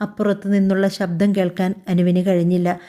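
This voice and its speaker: A woman narrating a scripted family drama story in a calm, even storytelling voice. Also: on the low side, a little fast. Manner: calm, even storytelling voice that also reads all the characters' lines.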